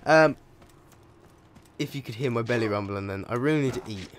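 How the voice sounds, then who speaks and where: A man giving casual let's play commentary while gaming, chatty and profane, with sudden excited yelps. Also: mid-range voice, brisk, a little hiss or hum. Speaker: gaming video creator. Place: home room.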